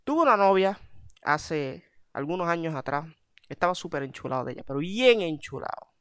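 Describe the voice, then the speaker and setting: Male storyteller, self-deprecating comic delivery, bright tone. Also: on the high side, normal speed, smooth, no echo, clean studio sound. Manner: animated, self-mocking, repeats punchlines. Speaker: comedic storyteller.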